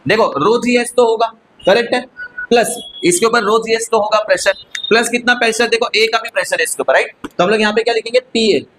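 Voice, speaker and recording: A man's voice: very high-pitched, a little fast, fairly bright tone, slight background noise, rough recording. A male physics teacher giving a classroom lecture, constantly asking the students questions and answering them himself, with English terms mixed into his explanation.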